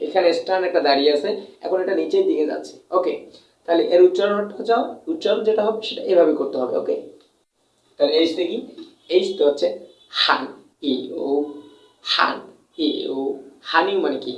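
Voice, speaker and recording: A man's voice: high-pitched, quick pace, a little mellow. A man teaching a lesson, repeating points and answering his own questions, drawing out sounds to demonstrate tones. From Bangladesh. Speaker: Chinese language teacher. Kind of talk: classroom lesson in Bengali. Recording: echoey room, mic at a distance.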